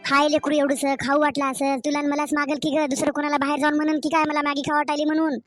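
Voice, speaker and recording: A woman acts out a caring older grandmother in an animated storybook. She speaks with a Marathwada Marathi accent in a slow, heartfelt, gently reproachful way. Her voice is high, with soft music playing faintly behind her. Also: lightly acted. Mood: pleading. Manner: tender, pleading, slow and heartfelt.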